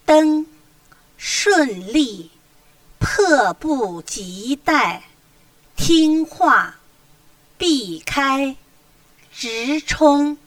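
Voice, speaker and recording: A woman reading a textbook lesson and its vocabulary list aloud with careful, expressive recitation. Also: sits high, drawn-out words, pauses often, dry recording. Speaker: textbook reader.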